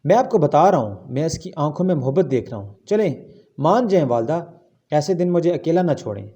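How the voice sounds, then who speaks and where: A man's voice: fairly high pitch, expressive, mellow, lo-fi sound, natural voice. A man reading an earnest young son, pleading.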